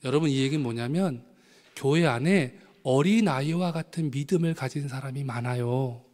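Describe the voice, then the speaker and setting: A man, a pastor, preaching a sermon with animated storytelling, acting out voices from his anecdotes. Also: mid-range voice, normal speed. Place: church sanctuary. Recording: long hall reverb.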